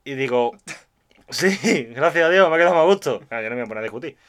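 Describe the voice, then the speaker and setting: A man from tells a rambling funny anecdote in a relaxed chat. He acts out every line of dialogue in his story and often breaks into laughter. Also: on the high side, rapid-fire. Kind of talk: casual comic storytelling.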